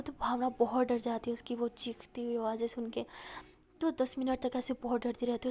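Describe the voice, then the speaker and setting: A woman's voice: a little high, dark tone. A young woman telling a love story in a casual, conversational storytelling style.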